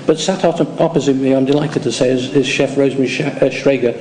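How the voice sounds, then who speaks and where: A man's voice: medium pitch, fairly even intonation, quick pace, noisy background. A man interviewing a guest in a town hall, speaking hesitantly and poking fun at himself. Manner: hesitant, self-deprecating. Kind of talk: recorded interview.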